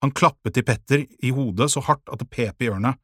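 A man narrating a children's audiobook in a calm, measured way, with a husky voice. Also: medium pitch, no room sound, clean studio sound.

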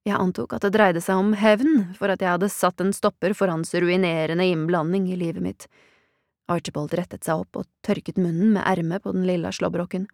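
A woman narrating an audiobook in the first person with a wry, deadpan delivery. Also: fairly low pitch, gravelly, no echo, clean studio sound.

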